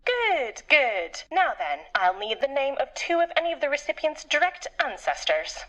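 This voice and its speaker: An actress playing a cheeky phone clerk who also drives a truck, officious and teasing, in a game. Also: female voice, sits high, very animated, normal speed, bright, forceful tone, exaggerated voice, low-quality recording.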